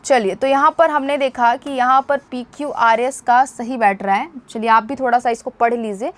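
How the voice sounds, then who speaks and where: High-voiced Indian woman teacher. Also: steady tone. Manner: explanatory, repeats points and checks with "theek hai?"; reads English sentences slowly and deliberately. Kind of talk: exam-prep lesson in Hindi with English terms.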